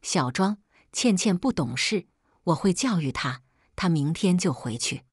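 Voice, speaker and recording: A shrewd middle-aged mother in an audio story, firm and slyly teasing, brought to life by a woman narrator in a low, dry voice. Her delivery swings lively in pitch. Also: measured pace, husky, no room sound.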